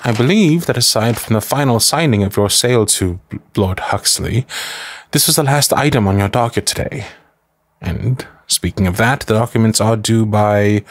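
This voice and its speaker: In a scripted ASMR roleplay, a man with a medium-pitched voice, recorded without echo, plays a devoted, protective manservant serving a noble lady. He speaks formally, with measured deference and a dry note of disapproval.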